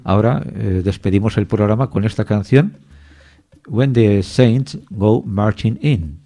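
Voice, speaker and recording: Mellow radio host, hesitant. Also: male voice, lowish voice. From Spain. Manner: measured, with frequent hesitant pauses. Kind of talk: explanatory radio talk.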